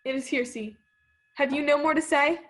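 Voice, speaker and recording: A woman's voice: high-pitched, steady tone, moderate pace, a bit bright. A woman acting a proud young countess, speaking Shakespearean lines in an arch, teasing way. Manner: arch, teasing verse delivery. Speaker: actor.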